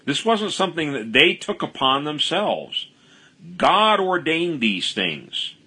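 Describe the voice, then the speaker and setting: A man's voice: fairly high pitch, sing-song, slow pace, bright, forceful tone, breathy edge, rough recording. A man preaching a sermon in a plain-spoken teaching manner, stressing points with emphatic repetition.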